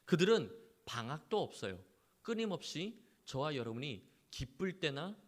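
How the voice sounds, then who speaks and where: A male pastor delivering an emphatic sermon to his congregation, pressing his points with repeated exhortations. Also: fairly high pitch.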